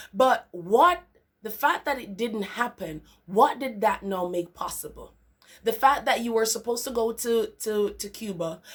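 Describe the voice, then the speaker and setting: A young woman hosting a motivational faith talk show, enthusiastic and repeating words for emphasis. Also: mid-range voice. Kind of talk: upbeat devotional talk.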